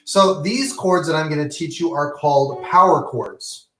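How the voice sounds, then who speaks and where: A man's voice: fairly high pitch, normal speed, bright, forceful tone, reverberant. A man teaching an online guitar lesson in a casual, encouraging way, with many ums and okays. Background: guitar playing.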